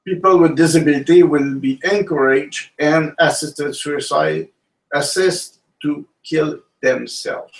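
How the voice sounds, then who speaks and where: A native French speaker co-hosting a relaxed panel talk gropes for words as he speaks in his second language, slightly high-voiced and halting. He's off-mic, and the recording quality is low.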